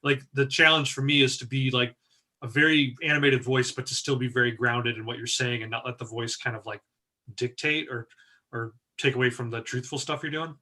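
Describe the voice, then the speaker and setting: Bright-voiced joking man on a call. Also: medium pitch, steady tone, a little fast. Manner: rambling, jokey, lots of "like". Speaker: improv performer. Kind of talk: casual group chat on a video call.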